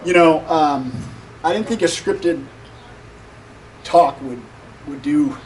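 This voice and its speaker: A man giving an unscripted graduation tribute, emotional and halting, with many pauses and fillers. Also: on the high side, crowd noise, noisy background. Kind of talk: unscripted speech at a ceremony. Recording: voice a bit distant, music behind.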